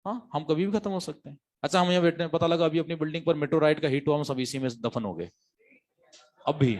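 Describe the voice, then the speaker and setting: A male biology teacher speaks in a somewhat high voice. He lectures emphatically, driving points home by repeating phrases and throwing quick questions at his students. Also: darkish tone. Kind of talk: lively classroom lecture.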